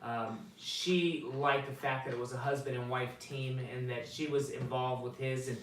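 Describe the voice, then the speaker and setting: A man in his forties hosting a casual interview with guests, jovial and quick to laugh, sincere when he thanks them. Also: medium pitch, steady tone, far from the mic. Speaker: channel host interviewing guests. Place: hotel room at a theme-park resort. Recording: echoey room, voice from off-mic, faint noise.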